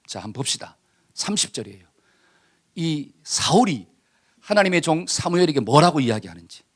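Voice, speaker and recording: A male pastor preaching a sermon, emphatic and animated, asking rhetorical questions and leading the congregation in call-and-response readings. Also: a little high, normal speed.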